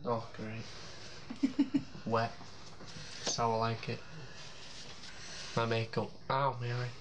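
A man's voice: mid-range voice, steady tone, slow. A man bantering casually during a challenge video, recorded in a room at home. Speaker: challenge participant. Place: small indoor room at home. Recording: noisy, echoey room recording with clicks.

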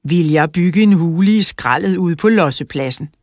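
A woman reading the lines of a gruff old bearded junkman in a children's audiobook, calm and quietly persuasive. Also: on the low side, dry recording, studio quality, close to an everyday voice.

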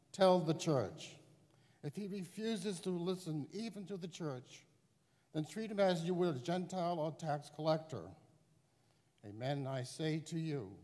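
A man's voice: fairly high pitch, a little mellow. A man, a priest, proclaiming the Gospel at Mass in a formal, declaiming way, heard with a cathedral echo. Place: large church. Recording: distant mic in long church reverb.

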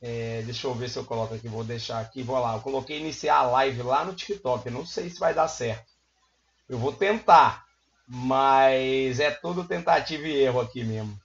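A hoarse man hosting a live stream, chatting casually, greeting viewers over and over and muttering while he fiddles with settings. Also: medium pitch, moderate pace. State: hoarse, losing his voice. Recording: lo-fi stream audio.

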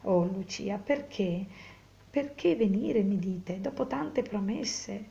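A woman reading a story puts on a devoted young peasant man, pleading and urgent. The voice has a gravelly, mellow grain and comes through a slightly muffled recording. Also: medium pitch, expressive, slow pace. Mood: insistent.

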